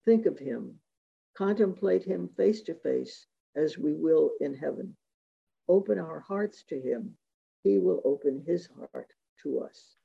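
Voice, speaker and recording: A man giving a reflective talk on religious devotion, measured and reading quotations aloud, in a dull lo-fi recording. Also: a little high, animated, gravelly, husky. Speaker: speaker giving a talk on Eucharistic spirituality.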